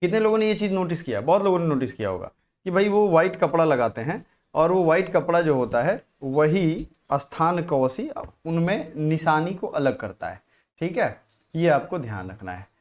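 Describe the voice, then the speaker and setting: A man with a somewhat high voice leads a live online exam-prep lesson. He keeps quizzing the viewers, pushes them to answer fast and reads out what they write in the comments. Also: big pitch swings. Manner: questions viewers directly and checks comments. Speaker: teacher.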